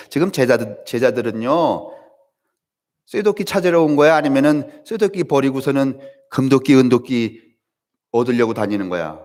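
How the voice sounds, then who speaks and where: A man preaching a church sermon, questioning the congregation conversationally and swinging between loud emphatic high lines and quiet low asides. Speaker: pastor.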